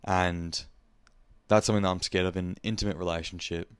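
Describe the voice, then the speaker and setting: A man's voice: deep voice, fairly even intonation, a little fast, clean tone, dry recording. A young man with an Australian accent, hosting a podcast in a casual, rambling monologue, speaking frankly and swearing freely. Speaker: podcast host.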